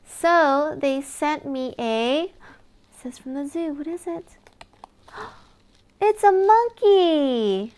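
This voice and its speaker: Reading aloud from a picture book for young kids, a woman speaks very slowly in a high-pitched voice, dramatizing the story with exaggerated amazement for her little listeners.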